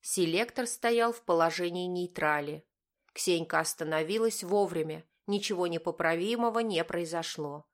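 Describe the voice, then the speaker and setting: A woman reading a novel as a scripted audiobook narration, in a measured, even way. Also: fairly low pitch.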